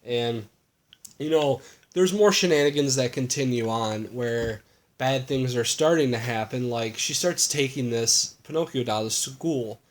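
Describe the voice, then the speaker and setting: A man's voice: mid-range voice, a little slow. A man co-hosting a casual movie recap chat, rambling with lots of fillers and crude jokes.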